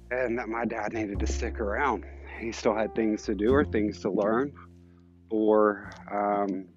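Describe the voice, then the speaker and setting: A man's voice: fairly low pitch, darkish tone, dull audio. A man in his thirties telling a personal story on his podcast, candid and reflective with many restarts, slightly out of breath from walking outdoors. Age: 30s. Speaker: podcast host. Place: outdoors on a walk.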